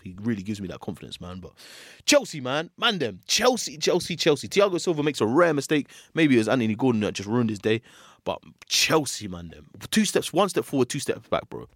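A man's voice: fairly low pitch, no room sound, clean studio sound. A man with an urban London roadman accent chatting casually about football in slangy, repetitive, emphatic banter as a podcast host. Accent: London, urban street. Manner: slangy roadman talk, repeats phrases for emphasis.

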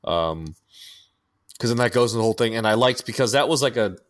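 Brief: male podcast co-host, mid-pitch, loose rambling delivery, filler-heavy, casual cursing. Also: expressive, brisk. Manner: rambling, many fillers and restarts, swears casually; firearms-nerd critiques. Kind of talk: casual chat.

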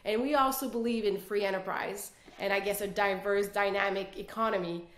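Here a woman from Quebec City, Canada, talks briskly in a mid-range voice with fairly even intonation. French is her first language, and as a guest executive in a podcast interview she comes across as earnest, frequently starting over. Echo fills the recording.

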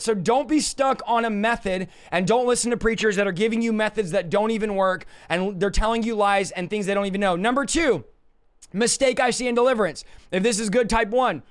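A male preacher with a very high, raspy voice, strained and worn from overuse. He teaches informally to a livestream, pushing his points combatively and repeating them for emphasis. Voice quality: hoarse, raspy. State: voice worn out from yelling. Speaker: preacher and deliverance minister.

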